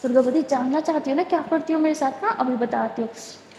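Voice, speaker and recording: A tough young biker woman who teases in a low, offhand voice, as a woman storyteller plays her. Her voice sits a little lower than the narration and echoes around a reverberant room. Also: dark tone, a little hiss or hum. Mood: soft, teasing.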